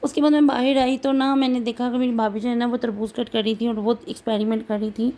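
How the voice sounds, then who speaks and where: Brief: woman vlogger, casual voice-over, rambling with fillers, flat and warm delivery. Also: fairly high pitch, fast talker. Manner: chatty, rambling, with many fillers. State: says her throat feels hoarse. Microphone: home voice-over recording.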